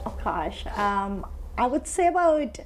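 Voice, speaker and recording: A woman in her forties from India speaks as an interview guest, her voice sitting slightly high. She talks in a chatty, lively way and often restarts her sentences as she tells her story. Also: measured pace, slight background noise. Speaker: guest, henna artist. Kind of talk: interview conversation.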